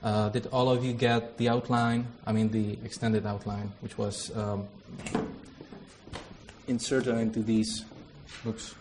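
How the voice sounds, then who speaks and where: Against background noise, a Czech theology lecturer with a Czech accent opens a workshop, talking slowly in a fairly low voice with a level tone. The informal session includes a prayer, and his manner is hesitant, heavy on fillers and self-deprecating.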